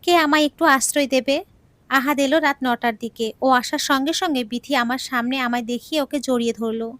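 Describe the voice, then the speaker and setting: A woman's voice: high-pitched, steady tone, fairly quick, a bit bright, dry recording. A woman telling an emotional audio story in the first person, earnest and sorrowful, on a close mic.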